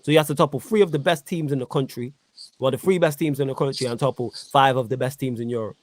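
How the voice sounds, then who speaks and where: A man's voice: mid-range voice, no echo. A man with a Manchester accent hosting a casual football podcast, reading out viewer comments and arguing his points. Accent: Mancunian. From Manchester, England. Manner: fast, animated, reads viewer comments aloud. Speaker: podcast host.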